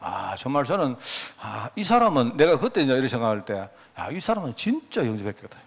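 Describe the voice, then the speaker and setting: Male pastor, sermon, animated storyteller who acts out quotes, very expressive. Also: mid-range voice, fairly quick.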